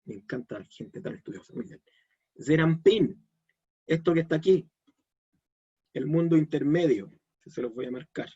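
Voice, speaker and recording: A man's voice: on the high side, expressive, normal speed, pauses often, dark tone, husky, dull audio. A man giving a live online Kabbalah lesson, explaining step by step and checking in with his audience. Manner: explanatory, asks the audience questions. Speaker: Kabbalah teacher.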